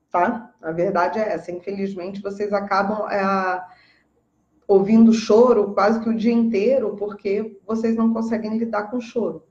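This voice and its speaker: A woman's voice: medium pitch, reverberant, dull audio. Chatty Brazilian woman advising parents. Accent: Brazilian Portuguese. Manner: chatty, emphatic, often checks in with "tá?". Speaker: parenting educator. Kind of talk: casual advice talk to parents.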